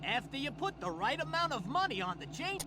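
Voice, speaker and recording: A woman's voice: sits high, sing-song, brisk, very noisy. A woman playing a fussy bus driver in an educational computer game. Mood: fussy, pleased. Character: fussy bus driver who loves exact change. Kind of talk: scripted educational game character acting.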